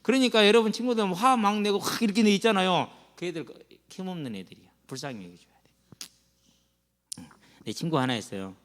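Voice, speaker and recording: A man's voice: high-pitched, brisk, long pauses, fairly bright tone, long reverb tail. A man, a pastor preaching to students in a colloquial storytelling way, full of acted quotes and slang. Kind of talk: sermon to students. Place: church sanctuary.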